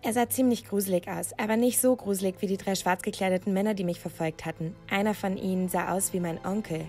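A woman reading a scripted first-person story aloud, dramatic and emotive, her pitch rising sharply at tense moments. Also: steady tone, fast talker, a little mellow, faint music behind.

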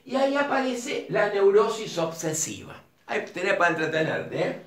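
At a whiteboard, an Argentine man with a Rioplatense Spanish accent delivers a loose, talkative lecture full of tangents and colloquial remarks to the viewer. His high, sing-song voice is a bit bright, at a moderate pace. Sound comes from a distant mic in an echoey room.

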